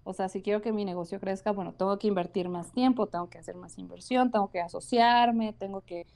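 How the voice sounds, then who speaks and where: A Mexican woman in casual conversation, chatty and earnest, with a mellow, warm voice. She leans often on fillers and checks in with her listener. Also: medium pitch, steady tone, a little fast, creaky. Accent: Mexican Spanish.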